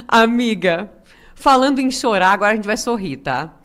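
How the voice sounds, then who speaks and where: A woman's voice: fairly high pitch, lively intonation, measured pace, a bit bright. A Brazilian woman with a Brazilian Portuguese accent, hosting a podcast in a playful, joking chat. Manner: playful, reacts with jokes. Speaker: podcast host. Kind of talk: casual chat interview.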